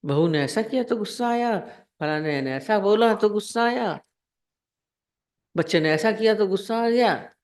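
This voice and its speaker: A woman's voice: mid-range voice, expressive, moderate pace, darkish tone. Woman giving a conversational spiritual talk. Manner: conversational, explaining with everyday examples and rhetorical questions. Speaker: spiritual teacher. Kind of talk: spiritual discourse.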